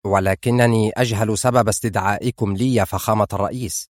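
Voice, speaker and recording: A man voicing a smooth, fawning and cunning male spy in an audiobook, polite and insistent. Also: on the low side, steady tone, fast, no room sound, studio quality, close to an everyday voice. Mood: sly, insistent. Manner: ingratiating and cunning. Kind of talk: audiobook character voice.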